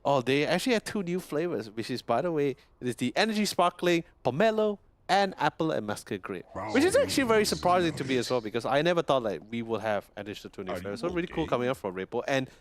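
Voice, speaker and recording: Chatty young man with a lively voice. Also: mid-range voice, fast, hardly any pauses, crowd noise. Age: young adult. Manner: laughs often, animated and chatty. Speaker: esports caster. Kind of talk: casual caster banter.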